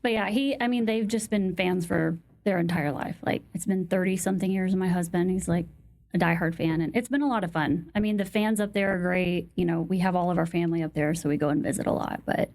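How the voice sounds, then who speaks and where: A woman in her thirties, a podcast guest chatting casually, relaxed and quick to laugh as she tells rambling stories. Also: on the low side. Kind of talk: casual interview chat.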